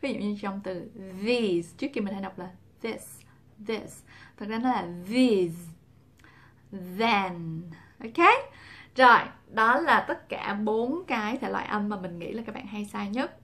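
A young woman talks casually to camera as a pronunciation teacher, at a middle pitch. She slows down to model each sound and repeats the example words so they are easy to copy. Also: a bit bright. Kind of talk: casual instructional talk to camera.

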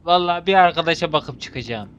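Young male let's-play host, jokey, cussing, slightly high voice, faint hiss behind. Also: brisk, fairly bright tone, highs cut off. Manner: jokey, swears, talks to the game. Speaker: gaming video host. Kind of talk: casual let's-play commentary.

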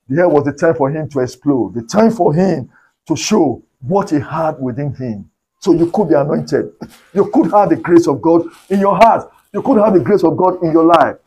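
Husky pastor guy preaching, keeps repeating his points, kinda high voice. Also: a little mellow, poor audio. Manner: repetitive, emphatic preaching. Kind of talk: sermon.

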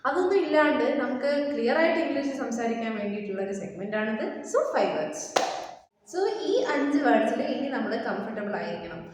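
A woman's voice: a little high, expressive, a little fast, heavy background noise. A woman giving a casual spoken lesson on English pronunciation, spelling words out letter by letter and repeating them for emphasis. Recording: echoey room from a distance.

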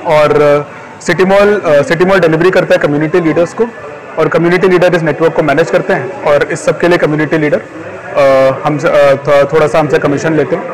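A man's voice: a little high, steady tone, moderate pace, poor audio. Hesitant young man explaining his company. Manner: hesitant, many ums, mixes English words. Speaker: company representative. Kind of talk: on-camera interview. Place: indoor event hall in front of banner backdrop.

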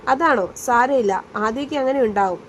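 A woman's voice: fairly high pitch, moderate pace, slight background noise, lightly acted. A woman reading a storybook voice of a stern, protective young man who presses with demanding questions.

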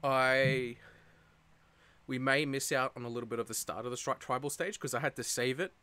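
A man's voice: mid-range voice, normal speed, clean tone. A young man streaming a video game, chatting casually with viewers and swearing a lot, a little out of breath. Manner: excitable, swears often, greets chat by name. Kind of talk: casual live-stream chat. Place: cold room at home.

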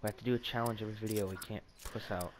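A man's voice: lowish voice, steady tone, very fast. A young man playing along, giving blunt orders and swearing casually. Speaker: co-player. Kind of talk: casual gameplay chat. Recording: background hiss with game gunfire.

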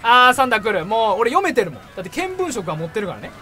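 A young man hosting his own racing game videos, joking and cheering through animated play-by-play commentary. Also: high-pitched, rapid-fire. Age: young adult. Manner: animated, jokey, bursts of cheering and impressions. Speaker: gaming channel host. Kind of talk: excited gameplay commentary. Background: background music.

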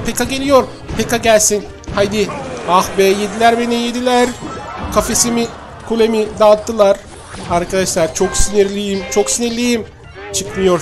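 A man giving excited gameplay commentary, cheering his units on and venting frustration at losses. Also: high-pitched. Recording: game music behind voice. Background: game music.

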